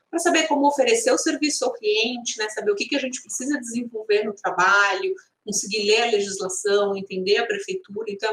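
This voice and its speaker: A woman's voice: a little high, a bit bright. A Brazilian woman hosting an informal explanatory live stream, speaking conversationally with frequent tag questions. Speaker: live stream host and instructor. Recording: echoey room sound.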